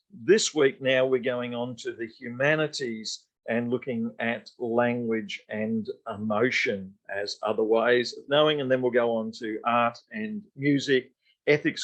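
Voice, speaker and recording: A man's voice: mid-range voice, rough recording. Man lecturing with many fillers. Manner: unscripted, with frequent fillers and restarts. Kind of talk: college lecture.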